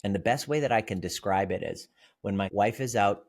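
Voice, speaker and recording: A man's voice: lowish voice, brisk. A man, a therapist guest on a podcast interview, explaining ideas through vivid stories and examples.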